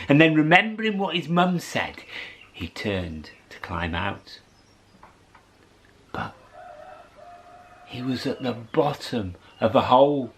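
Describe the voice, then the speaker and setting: A middle-aged man tells a children's story dramatically, sinking to whispers and climbing high for effect.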